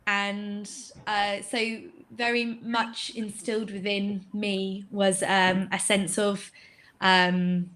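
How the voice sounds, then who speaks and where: A woman's voice: mid-range voice, flat delivery, takes it slowly, fairly bright tone. Hesitant woman on a video call. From England, raised in Greece. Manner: hesitant, many fillers, laughs easily. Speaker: shop owner guest. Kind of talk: casual webinar interview.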